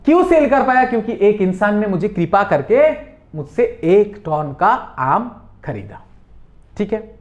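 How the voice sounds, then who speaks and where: A man's voice: sits high, measured pace. A middle-aged man with an Indian accent teaching a memory trick as a story, quizzing listeners and repeating key words. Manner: lively call-and-response, repeats key words, quizzes the viewer. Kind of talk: storytelling mnemonic lesson.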